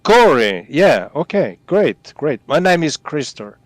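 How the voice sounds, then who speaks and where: Also from Sweden, this man is a fellow flight-sim pilot chatting casually on the stream call. His voice is a little high and very animated, his pace a little slow, and he stays friendly and easygoing with lots of small fillers. There is no room sound.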